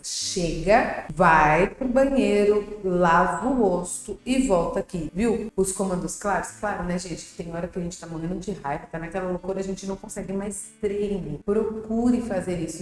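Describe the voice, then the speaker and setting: A woman's voice: mid-range voice, darkish tone. A Brazilian woman giving casual, direct parenting advice to her viewers, speaking in a chatty way. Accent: Brazilian Portuguese. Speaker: parenting educator. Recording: very echoey room with long reverb.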